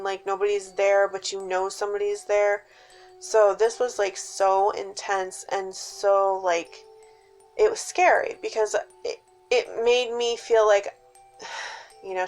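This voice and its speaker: A woman casually telling a personal scary story in a suspenseful, dramatic way, with hushed dips and emphatic stresses. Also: medium pitch.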